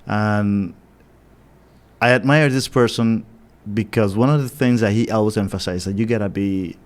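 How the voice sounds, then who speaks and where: Lowish voiced guy hosting, encouraging, keeps saying he loves it. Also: normal speed. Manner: encouraging, affirming, enthusiastic. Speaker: interview host. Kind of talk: interview conversation.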